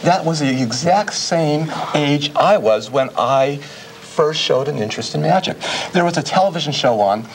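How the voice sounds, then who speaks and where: A man, a guest magician and teacher, chatting to children in a television studio with halting, hesitant phrasing. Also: on the high side, expressive, slight background noise, rough recording. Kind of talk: interview chat aimed at children.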